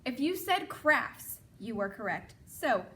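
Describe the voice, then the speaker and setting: A woman's voice: on the high side, very animated, slow, pushed and bright, slight background noise. A woman in her twenties hosting for children, leading rhymes in an encouraging, singsong way. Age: 20s. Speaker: children's program host. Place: indoor set with wooden frame.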